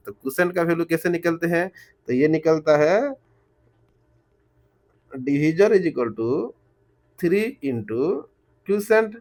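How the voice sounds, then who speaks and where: Man teaching math slowly. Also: sits high. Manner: slow and repetitive, asks rhetorical questions; switches between Hindi and English terms. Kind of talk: explaining math problems step by step.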